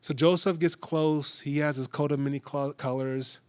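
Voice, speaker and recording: A man's voice: on the high side, fairly even intonation, moderate pace, a little mellow, smooth. A young man giving a sermon as a casual, conversational story, with frequent hesitations. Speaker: preacher.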